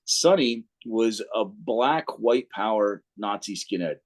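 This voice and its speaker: Speaking slowly in a lowish voice, a man with a New Jersey accent tells stories casually as an interview guest. He swears a lot and acts out what people said.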